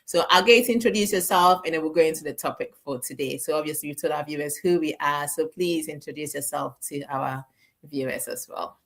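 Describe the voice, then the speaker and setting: A woman's voice: low-pitched, brisk. A woman from Ghana hosting a live stream, chatting casually and a little emotionally over a video call. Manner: warm, emotional, rambling with laughs.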